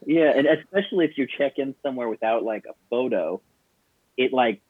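Young male co-host, low-quality remote call audio, dry and phone-thin, rambling casual delivery. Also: expressive, fairly quick, slightly rough, dry recording. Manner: rambling, with many restarts and stammered repeats. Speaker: podcast co-host. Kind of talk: casual chat. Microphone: remote video call. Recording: tinny dry video-call line.

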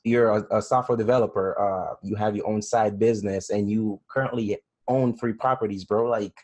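A man's voice: fairly low pitch, fairly even intonation, normal speed, a little mellow. A man, hosting a casual interview in an informal, buddy-to-buddy way. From Togo. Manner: informal, peppered with "you know" and "bro". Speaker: podcast host.

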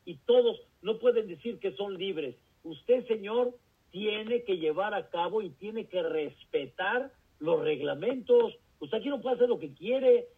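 A man's voice: high voice, husky. A man with a Mexican accent, a rabbi preaching a sermon with rhetorical questions and folksy stories. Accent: Mexican Spanish. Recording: tinny phone-like recording.

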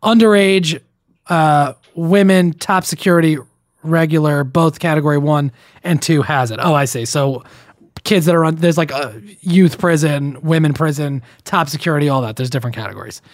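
A young man co-hosts a podcast in casual chat, reading listener emails aloud and cutting in with his own remarks, often restarting his sentences. His voice is on the high side and moves at a moderate pace. The sound is dry, studio-quality, with no room echo.

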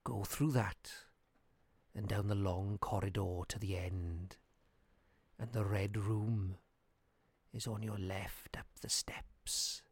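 Grim old man with a withered hand, a man voicing him slow and hushed, dry and close. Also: on the low side, fairly even intonation, no room sound, voice pushed down. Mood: ominous. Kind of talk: audiobook character voice.

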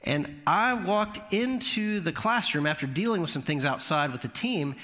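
A man preaching a sermon, telling a lively story and rising in pitch at the funny moments. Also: moderate pace. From Florida. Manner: animated storytelling, voice climbing high at punchlines. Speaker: pastor. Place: church sanctuary. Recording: long hall reverb.

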